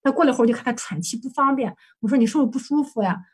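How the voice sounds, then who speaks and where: A woman's voice: high voice, rapid-fire, slightly rough. A woman counselor presenting a client case for supervision, recounting session dialogue hesitantly with many fillers and self-corrections.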